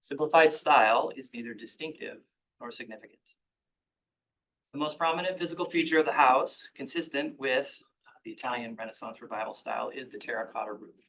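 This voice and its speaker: Man, public commenter, formal testimony, bright tense voice, argumentative. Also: mid-range voice, low-quality recording. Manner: measured, argumentative.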